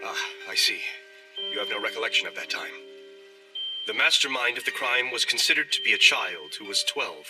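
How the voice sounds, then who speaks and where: A man's voice: lowish voice, animated, fairly quick, over music, close to an everyday voice. A man playing a pompous noble lord. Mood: grave. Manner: showy, self-important. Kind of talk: anime English dub.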